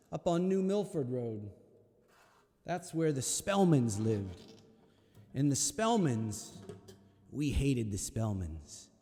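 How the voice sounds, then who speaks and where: A man, a folk singer at a live-streamed concert, telling a personal story in a slow, hushed and reflective way, with halting repeats. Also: medium pitch, in a large hall.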